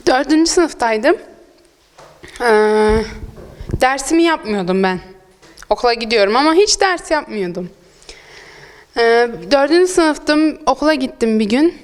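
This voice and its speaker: Brief: female guest with a high voice telling a comic school memory, caught in a reverberant room. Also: animated, a little slow, pauses often. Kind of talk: casual comic storytelling.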